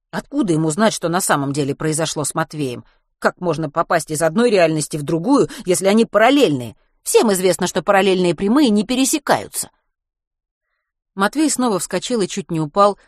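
A woman's voice: fairly low pitch, no echo, clean studio sound. A woman narrating a children's novel as an audiobook reader. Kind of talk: scripted narration.

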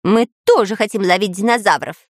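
A woman voicing a sly, lying male spy in a nasal, drawn-out whiny voice for a storybook. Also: mid-range voice, no room sound, studio quality, pitched above the performer's own voice, close to an everyday voice.

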